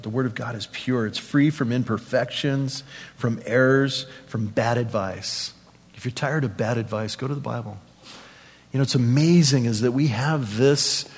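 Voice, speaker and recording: Teaching the Bible verse by verse, this preacher speaks to his congregation in a conversational way, frequently repeating phrases and asking questions. His voice is mid-range and slightly rough, echoing with long hall reverb.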